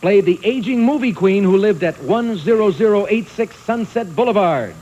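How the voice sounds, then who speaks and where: A man hosting a quiz show, reading clues and calling on players in a brisk, teasing manner. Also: sits high, animated, a little mellow, highs cut off. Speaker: game show host.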